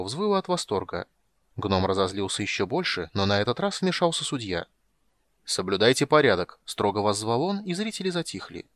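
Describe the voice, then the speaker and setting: Expressive male audiobook narrator. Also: fairly low pitch, dry recording. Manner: expressive storytelling. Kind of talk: scripted narration.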